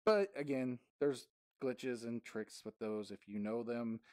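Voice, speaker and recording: A man's voice: medium pitch, measured pace, a little mellow, smooth, no room sound, studio quality. A man casually rambling through gaming stories, often laughing mid-sentence. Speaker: gaming vlogger.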